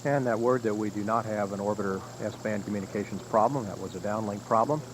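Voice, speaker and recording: A man with a fairly low voice delivers formal, measured countdown commentary. The broadcast sounds archival, with clear background noise. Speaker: launch commentator. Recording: noisy archival broadcast audio.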